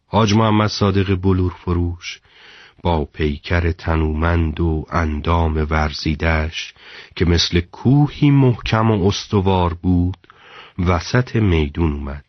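A man narrating a story in a measured, dramatic storytelling delivery. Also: deep voice, lively intonation, no echo, lo-fi sound.

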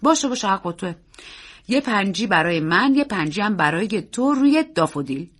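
A woman's voice: mid-range voice, animated, fairly bright tone. A woman voicing a jovial grown uncle who speaks in a teasing, coaxing way. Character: jovial grown uncle, amused then wary.

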